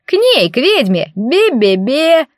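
A woman voicing a tiny cheeky male dough-ball familiar in an audiobook, squeaky and taunting. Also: big pitch swings, slow, dry recording, studio quality, full character voice. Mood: gleeful taunting.

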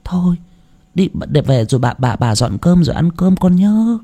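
A man voicing a soft-hearted, fussing elderly grandmother in a storybook tale. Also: very animated, moderate pace. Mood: coaxing. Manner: scolding, coaxing, high-pitched.

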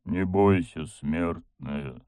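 A man voicing an ancient, sealed dark god in a fantasy audiobook, heard as a disembodied voice from the darkness, low and rumbling, speaking softly and coaxingly. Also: clear, resonant tone, dry recording, clean studio sound. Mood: soothing. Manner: slow, soft, coaxing. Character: ancient sealed dark god, huge, soft-spoken and sinister. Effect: disembodied voice from the darkness, filtered and distant. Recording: narrow phone-like filter.

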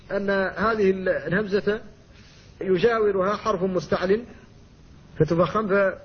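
A middle-aged man with a Mauritanian Arabic accent, teaching Quran recitation with slow, careful demonstrations of pronunciation. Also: high voice, husky, muffled recording. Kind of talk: explanatory lesson on tajweed.

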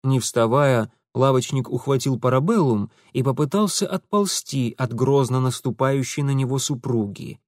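A man reading a storybook narration in an expressive, lively way. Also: mid-range voice, normal speed, hardly any pauses, no room sound, clean studio sound. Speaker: audiobook narrator.

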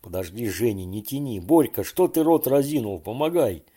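A man voicing an excited, impatient boy fisherman who shouts eagerly. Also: mid-range voice, moderate pace. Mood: excited shouting.

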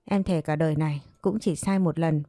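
A woman's voice: low-pitched, steady tone, moderate pace, warm tone, no room sound, clean studio sound, lightly acted. A woman voicing a timid young servant girl who answers humbly and begs forgiveness. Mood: pleading. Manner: meek, pleading, deferential.

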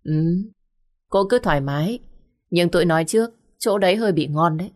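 A woman voicing a scheming male restaurant owner who talks briskly and ingratiatingly. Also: lowish voice, darkish tone, close to an everyday voice.

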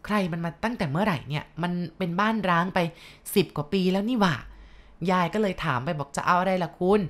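A woman's voice: fairly low pitch, expressive, fast. Chatty woman telling a ghost story. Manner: chatty with asides to the listener. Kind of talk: casual ghost-story narration.

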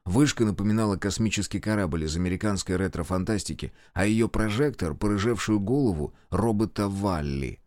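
A man narrating a horror audiobook in a dramatic, expressive way. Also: lowish voice, a little fast, hardly any pauses, dry recording, clean studio sound. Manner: dramatic, acts out characters.

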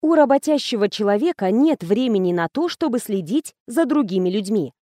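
A woman narrating a first-person audiobook with wry, conversational irony. Her voice sits fairly high and moves in a lively way. The reading is dry and close to the mic. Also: a little fast, no room sound.

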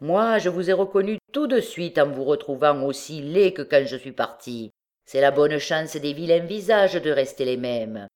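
A woman's voice: sits low, lively intonation, moderate pace, darkish tone. A woman voicing a male ex-convict bandit who threatens with mocking, overly polite menace, in an audiobook reading. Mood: menacing, mocking.

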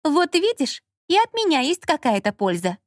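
Женщина озвучивает капризную Лолу. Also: female voice, big pitch swings, moderate pace, no room sound, studio quality. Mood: coaxing. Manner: plaintive, pouting, high-pitched. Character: young woman Lola, fussy, whiny and touchy. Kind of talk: audiobook character reading.

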